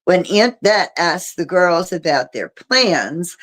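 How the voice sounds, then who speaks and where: A woman reading a mystery novel aloud on a livestream, in a steady storybook manner. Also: lowish voice, slow pace. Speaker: reader.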